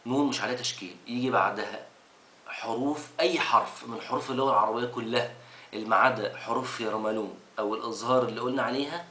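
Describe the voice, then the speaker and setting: A man teaching Quran recitation rules, rushing through recaps and stretching out the recited verses slowly. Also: medium pitch, bright, forceful tone, roomy sound, slight background noise. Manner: quick recaps broken by slow drawn-out recitation of verses. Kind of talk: tajweed lesson recap.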